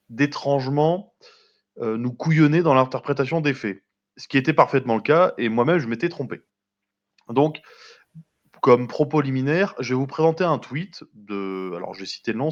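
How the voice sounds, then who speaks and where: A man talks through the week's political news in a relaxed, explanatory way, pausing and hesitating as he goes. His voice has a mid pitch. The recording sounds a little dull and lo-fi. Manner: explanatory, conversational, frequent hesitations. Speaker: commentator.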